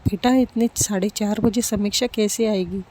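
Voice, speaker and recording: A woman's voice: mid-range voice, fairly even intonation, moderate pace, warm tone, natural voice. A woman voicing a worried middle-aged mother who fusses over her daughter, in a spoken story. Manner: fussing.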